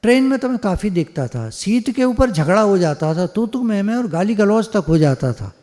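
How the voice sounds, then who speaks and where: A man giving a devotional satsang talk in a high yet mellow voice, chatty and teasing, slipping English words into his speech. The sound carries a long hall reverb. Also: big pitch swings, moderate pace. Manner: conversational, joking, mixes English words. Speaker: spiritual speaker.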